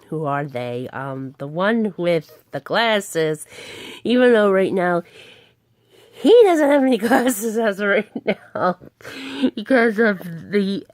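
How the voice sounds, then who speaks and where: A woman's voice: fairly low pitch, dry recording, clean studio sound. A young woman chatting casually to her viewers, recorded as a phone video, rambling with many ums and stunned exclamations. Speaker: vlogger. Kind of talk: casual vlog chat.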